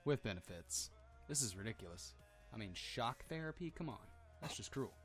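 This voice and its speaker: A man's voice: medium pitch, animated, moderate pace, a bit bright. A man co-commentating on a game with wry, sardonic casual banter. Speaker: co-commentator on a let's play. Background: game music.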